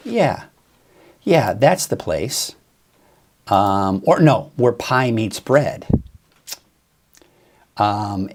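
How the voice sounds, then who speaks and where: A man hosting a casual live weather show, chatting in a rambling way and thinking aloud with fillers. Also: lowish voice. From Northern California. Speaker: weather host. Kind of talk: casual live-stream forecast chat.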